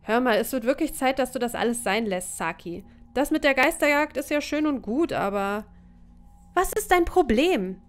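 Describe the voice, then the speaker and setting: A woman's voice: high voice, animated, moderate pace. A woman reading the lines of a worried, skeptical young man in a game, with a doubtful tone. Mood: pleading.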